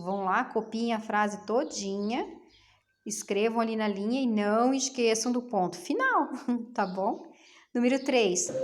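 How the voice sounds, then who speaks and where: A middle-aged woman teacher from Brazil, patiently explaining homework to young pupils and asking them questions to coax answers. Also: on the high side. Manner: patient, coaxing, asks rhetorical questions. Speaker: schoolteacher.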